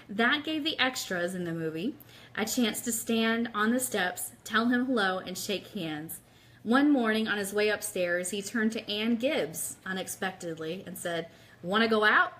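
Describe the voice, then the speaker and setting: Hosting a radio show livestream, a woman chats enthusiastically and casually with her audience and reads aloud from a book. Her medium-pitched voice is pushed and bright.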